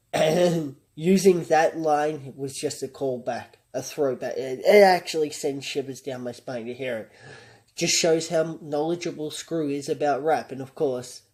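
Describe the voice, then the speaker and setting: A man's voice: fairly high pitch, measured pace, darkish tone. A man hosting a reaction commentary, talking through song lyrics in a conversational, analytical way and chuckling often. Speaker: commentary channel host.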